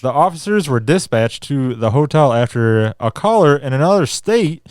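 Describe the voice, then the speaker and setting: A man's voice: medium pitch, expressive, normal speed, darkish tone, dry recording, studio quality. Sarcastic man reading news aloud on a podcast. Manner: sarcastic, swearing, reads articles and riffs on them. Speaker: podcast co-host.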